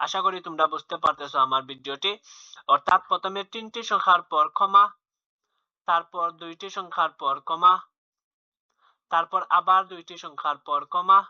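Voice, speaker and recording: In a dull lo-fi home recording with no echo, a high-voiced man teaches young children a maths lesson at a normal speed. He explains patiently, repeats himself, leaves long pauses, and uses fillers and restarts.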